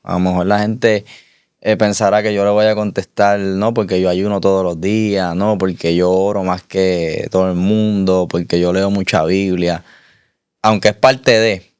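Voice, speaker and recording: A man speaks in a measured, reflective way and circles back to his key lines. His voice runs fairly low and sounds smooth and clear. The recording is dry and close to the mic. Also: dry recording. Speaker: interview guest giving testimony. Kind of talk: reflective faith testimony.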